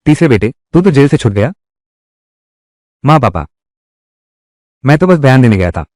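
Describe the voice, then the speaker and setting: A man's voice: mid-range voice, big pitch swings, normal speed, a little mellow, dry recording, studio quality. A man narrating a dubbed drama recap and reading every part himself in one voice. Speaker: dubbing narrator. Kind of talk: Hindi drama recap dubbing.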